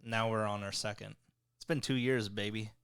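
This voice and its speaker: A man's voice: fairly low pitch, fairly even intonation, moderate pace, fairly bright tone, clear, resonant tone. A man hosting a podcast with wry, joking, profane casual banter, recorded in an echoey emptied room that sounds like a cave. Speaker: podcast host. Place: emptied room at home, packed boxes.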